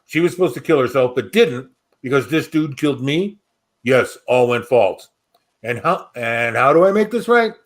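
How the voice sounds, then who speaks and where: A man reading his own darkly comic horror story in the first person, sarcastic and expressive. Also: a little high, brisk, few pauses.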